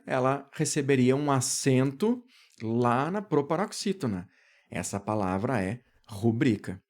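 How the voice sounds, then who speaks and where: Brazilian male teacher, exam-prep lesson, very animated pitch, drags out key words slowly. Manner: lively, questions students and answers himself.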